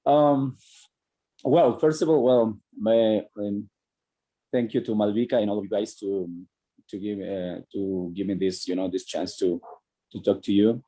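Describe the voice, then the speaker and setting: A man from Ecuador, a native Spanish speaker with an Ecuadorian accent, talking casually over a video call and pausing on many fillers and restarts. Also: fairly low pitch, fairly even intonation, mellow, poor audio.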